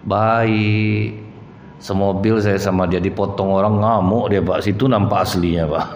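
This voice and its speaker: A man preaching a sermon, turning constantly to his listeners as sir and ma'am while he tells stories. His voice sits fairly low and sounds dull, with a long echo from a large hall. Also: steady tone, a little slow, a little hiss or hum. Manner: storytelling, addresses listeners as Pak and Bu. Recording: roomy, dull hall recording.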